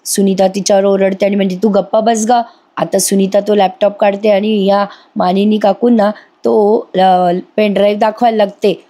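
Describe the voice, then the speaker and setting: A woman with a mellow, warm-toned voice at a middle pitch recaps a TV serial episode. She keeps a chatty voice-over manner and often turns to address her viewers. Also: little pitch movement, normal speed, hardly any pauses. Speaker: TV serial reviewer.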